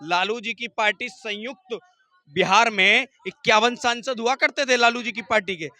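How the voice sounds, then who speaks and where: Argumentative man with a piercingly bright voice. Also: very high-pitched, moderate pace, dry recording. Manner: argumentative, rhetorical questions, repeats phrases for emphasis. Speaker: member of the public being interviewed. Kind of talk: street political interview.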